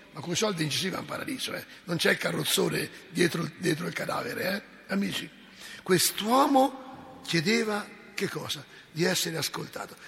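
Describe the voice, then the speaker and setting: A man's voice: high voice, creaky, fairly bright tone, in a large hall. A male preacher telling a gospel story to his congregation, acting out the voices and asking them questions. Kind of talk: sermon. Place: church.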